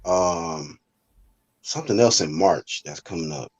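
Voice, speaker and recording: A man's voice: sits low, animated, measured pace, slightly rough, poor audio. A man co-hosting a casual boxing chat, speaking in slang and offering confident fight predictions. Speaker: boxing podcast co-host.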